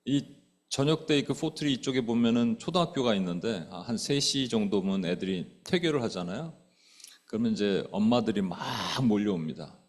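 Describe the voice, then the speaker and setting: A middle-aged male pastor giving a conversational sermon, asking the congregation questions and acting out quoted speech with sudden loud outbursts. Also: fairly low pitch, moderate pace. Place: church sanctuary.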